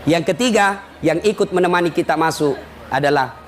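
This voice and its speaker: A man giving a humorous sermon, telling jokes and stories in an animated way. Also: fairly high pitch, moderate pace, noisy background. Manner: animated, joking storyteller. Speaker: preacher.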